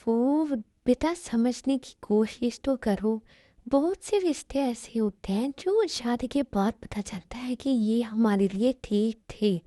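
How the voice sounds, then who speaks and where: A woman voicing a calm, reasoning older brother. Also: on the high side, slow pace, dry recording, clean studio sound. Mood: concerned. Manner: calm and persuasive. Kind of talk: amateur Hindi fan-dub storytelling.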